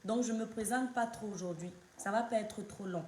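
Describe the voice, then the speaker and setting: A woman from Cameroon, hoarse from a cold, hosting a casual live stream and greeting viewers by name over and over. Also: mid-range voice, brisk, a little mellow, roomy sound, a little hiss or hum.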